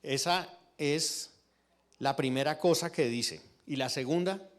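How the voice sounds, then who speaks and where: A male pastor preaches in a church, his voice sitting a little high. He speaks slowly and deliberately, posing question after question to the congregation. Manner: teaching with rhetorical questions to the congregation. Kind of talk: sermon.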